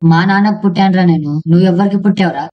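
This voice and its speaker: A man's voice: high voice, very fast, voice pushed up, lightly acted. A man voicing a quarrelsome middle-aged village aunty who scolds and hurls insults in a cartoon. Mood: scolding. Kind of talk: cartoon voice acting. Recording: muffled, distant, faint hiss.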